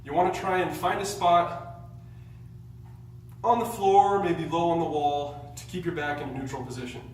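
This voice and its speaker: A man coaching a workout from across a very echoey room, his voice sitting fairly high for a man. He calls out positions in short, clipped cues, breathing hard between moves. The mic is well away from him, with a faint hum behind. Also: fairly even intonation, normal speed, a little mellow, recorded from a distance. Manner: cueing steps in short commands. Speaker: fitness instructor. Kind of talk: workout tutorial.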